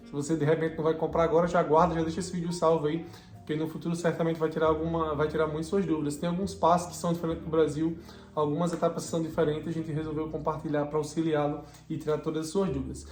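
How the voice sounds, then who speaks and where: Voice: mid-range voice, little pitch movement, fast talker, darkish tone. A co-host, upbeat and chatty, often acting out what clients say. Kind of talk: lively video chat. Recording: echoey room with faint music.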